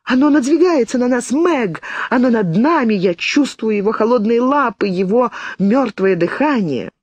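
A woman's voice: a little high, lively intonation, a little slow, a little mellow, breathy edge, no echo, pitched above the performer's own voice. A woman reading an audiobook, voicing a terrified twenty-year-old girl who pleads frantically between sobs. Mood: panicked.

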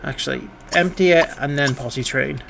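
A man's voice: medium pitch, normal speed, vocal fry, a bit bright, slight background noise. A man streaming a life-sim game, giving wry, chatty commentary and swearing casually.

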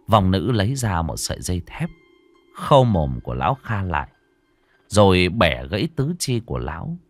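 A man narrating a ghost story in a vivid, dramatic way. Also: lowish voice.

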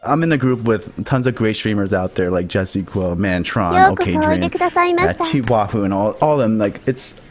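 A man's voice: on the low side, very animated, normal speed, darkish tone. A young man streaming live, overexcited, stammering and laughing often between words. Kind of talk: excited live stream chat. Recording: faint background music.

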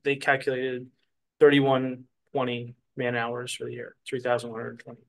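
A man on the council speaking in a measured, polite way at a town meeting. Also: mid-range voice, completely flat delivery, gravelly, a bit bright, rough recording. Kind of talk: public meeting discussion.

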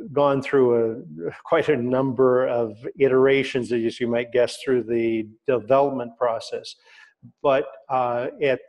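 An older man, a company head, explaining his product at a measured pace with fillers and restarts, heard over a video call. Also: mid-range voice, a little mellow, poor audio. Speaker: company CEO guest. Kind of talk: remote video interview. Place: indoor room, plain wall behind. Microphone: webcam video call.

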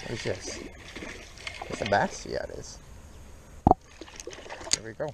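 A young fishing vlogger with a Midwestern American accent gives upbeat, chatty commentary while working the rod from a kayak on a lake. His lowish voice is very animated yet slow and creaky. A head-mounted action camera captures the noisy outdoor audio.

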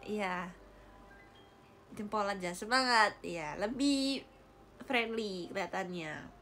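Giggly high-voiced young woman streamer. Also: animated, measured pace, fairly bright tone, faint music behind. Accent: Indonesian. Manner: giggly, playful, chatty. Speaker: idol live streamer. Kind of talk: casual chat reading viewer comments. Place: indoor room, air-conditioned. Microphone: phone or webcam livestream.

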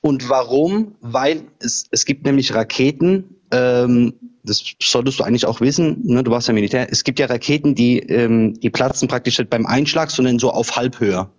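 A man debating casually on a livestream call, halting and often repeating his phrases. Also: medium pitch. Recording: dull, lo-fi livestream audio.

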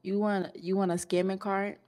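A woman's voice: mid-range voice, flat delivery, moderate pace, a little mellow. A woman in a roleplay game, talking bluntly and teasing another player. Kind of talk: in-character roleplay banter.

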